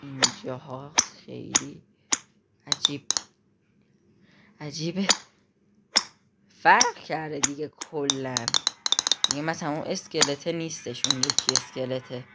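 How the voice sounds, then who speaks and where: A woman giving let's-play commentary, anxious and exclaiming in quick repeated words, then talking herself back to calm. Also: a bass voice. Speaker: gamer playing a climbing game. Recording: loud clicking noise behind voice.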